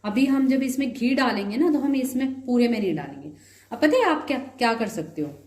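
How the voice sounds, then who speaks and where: In an echoey room, a woman hosting a cooking video talks through a home recipe one step at a time, sounding chatty and friendly while mixing in English words. She has a slightly sore throat, and her voice is a little high, darkish in tone, animated and a bit fast.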